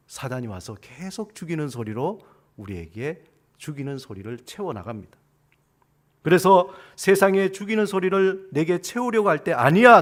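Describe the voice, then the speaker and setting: Middle-aged pastor guy preaching, voice jumps all over, asks the congregation stuff and acts out what people say. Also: fairly high pitch. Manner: dramatic, acting out quoted voices of others; speaks straight to the congregation with questions. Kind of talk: sermon.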